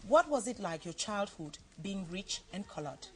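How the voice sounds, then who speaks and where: A woman's voice: mid-range voice, big pitch swings, moderate pace, darkish tone, slightly rough. A woman from Cameroon hosting a TV interview, asking chatty, probing questions. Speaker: TV host.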